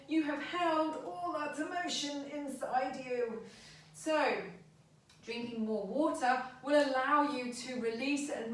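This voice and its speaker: A chatty woman with a high voice gives emphatic health advice, repeating her points. She is heard from a distance in a very echoey room. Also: a bit bright. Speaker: back pain therapist. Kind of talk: informal health talk to camera.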